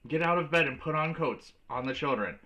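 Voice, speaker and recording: Man putting on an urgent, high-pitched frightened storybook mother. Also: expressive, brisk, bright, forceful tone, poor audio. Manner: urgent, pleading calls.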